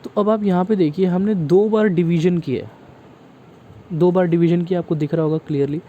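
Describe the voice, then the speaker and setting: A man's voice: sits high, fairly even intonation, brisk, phone-quality sound. A man teaching a math lesson, explaining step by step and checking in often with the class.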